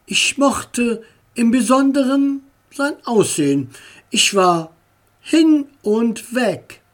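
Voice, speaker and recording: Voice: medium pitch, expressive, slow, pitched above the performer's own voice. A reader doing a fond storybook mother. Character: mother in the family car, affectionate.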